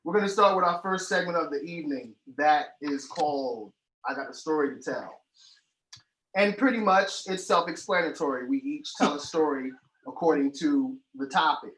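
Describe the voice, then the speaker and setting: Loud, laughing man hosting a stream. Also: a little high, moderate pace. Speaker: host. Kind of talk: casual live-stream chat. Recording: echoey room, faint noise.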